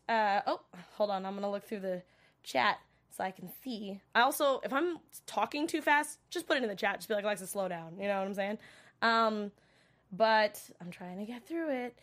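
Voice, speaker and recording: A woman recovering from a cold hosts a livestream show recap, coughing as she reacts to the show and reads viewer comments. Her medium-pitched, slightly bright voice moves at normal speed, and she chats casually, rambling with many fillers.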